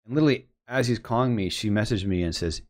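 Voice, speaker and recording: A man's voice: on the low side, fast, darkish tone. A man talking casually as he edits photos, telling a long story in a rambling way and narrating his editing steps aloud. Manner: rambling, retells conversations with quoted voices. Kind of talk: casual storytelling while working.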